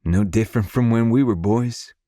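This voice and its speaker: A man's voice: fairly low pitch, moderate pace, dark tone, no room sound, studio quality, voice pushed up, close to an everyday voice. An audiobook narrator voicing a grown man who is amused by his nephews. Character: amused grown older brother, chuckling.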